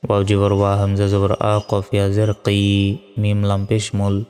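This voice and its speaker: A man teaching recitation, spelling out each letter and vowel mark, then chanting the verse slowly. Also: lowish voice, completely flat delivery, smooth. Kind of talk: slow spelling-out lesson with recitation. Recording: reverberant room with soft music.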